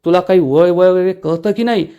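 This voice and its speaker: A man's voice: high-pitched, fairly quick, mellow, clear, resonant tone, lo-fi sound, close to an everyday voice. A man reading the lines of a hot-tempered young son who is defending his father. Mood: angry.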